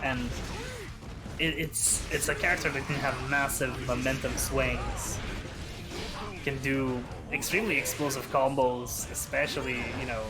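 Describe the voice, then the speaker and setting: A man's voice: mid-range voice, steady tone, measured pace. A man commentating a fighting game tournament, talking through what each player can do. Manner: analytical, talks through the players' options. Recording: game music behind commentary. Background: game music.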